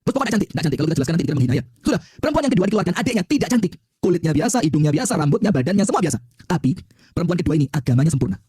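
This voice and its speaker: A man preaching a lively, joking sermon, quizzing the audience and having them call back answers. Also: high voice, racing, breathy edge, dry recording, studio quality.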